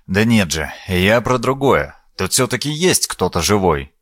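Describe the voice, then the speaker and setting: A man voicing a polite, shrewd detective who questions calmly and courteously, in an audiobook. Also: lowish voice, measured pace, no room sound, clean studio sound, heavily acted. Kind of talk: audiobook character voice.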